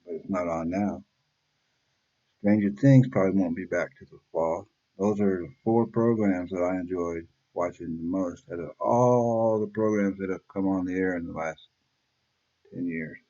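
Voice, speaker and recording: Deep and dark in tone, this fifties-aged reaction host speaks at a moderate pace. He swears freely while rambling bluntly in a casual monologue, and the recording is muffled.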